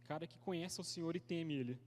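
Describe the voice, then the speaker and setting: A man's voice: fairly high pitch, fast talker. A young man with a Brazilian Portuguese accent preaching a sermon, telling a personal story in a slangy, conversational way. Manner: slangy and conversational, calls listeners "cara"; acts out quoted voices in his story. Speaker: youth pastor preacher. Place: church hall. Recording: reverberant church hall.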